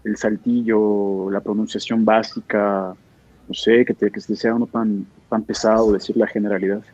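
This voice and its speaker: A man's voice: on the low side, flat delivery, normal speed, a little mellow, dry recording. A man hosting a casual online lesson, politely asking the teacher a question with hesitant restarts. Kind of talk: casual conversation. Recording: dry, muffled lo-fi audio.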